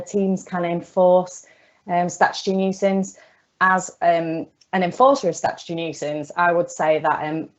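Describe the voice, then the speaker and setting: A woman's voice: on the low side, darkish tone. A woman speaking as a local resident, giving an earnest formal statement to a committee with many fillers. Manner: earnest, halting with frequent fillers. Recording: dull online call audio.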